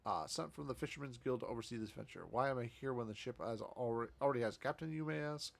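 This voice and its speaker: A man's voice: mid-range voice, fast, creaky, close to an everyday voice. A man voicing a polite, formal guild official in a video game, speaking with stiff, courteous diction.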